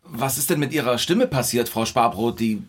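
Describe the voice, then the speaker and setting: A man's voice: mid-range voice, animated, moderate pace, slightly rough. A man voicing a timid, polite young male character in a children's audio drama, hesitant and apologetic.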